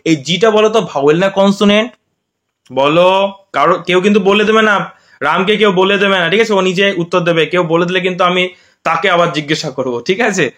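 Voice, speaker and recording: High-voiced man teaching a demo class. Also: sharp tone. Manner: asks the class questions and drills pronunciation. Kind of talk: mock classroom demo lesson.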